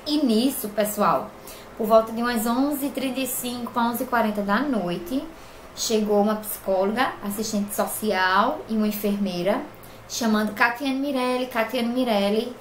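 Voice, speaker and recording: A woman's voice: a little high, normal speed, a little hiss or hum. A young woman from Brazil, plainspoken and emotional as she tells a personal story in a vlog. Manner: earnest, plainspoken, emotional retelling. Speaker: crochet vlogger. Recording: echoey room with faint ambience.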